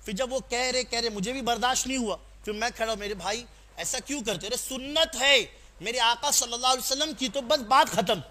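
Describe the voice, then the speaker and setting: Exhorting his congregation, this preacher asks them questions and calls for their responses. His extremely high voice has a sharp tone, and he slips into a conversational manner to share personal stories.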